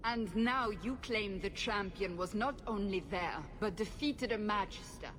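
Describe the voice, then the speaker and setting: A woman's voice: mid-range voice, a little slow, natural voice. A stern woman investigator, voiced by a woman, probing and skeptical. A faint ambient hum sits behind her, as in a fantasy video game.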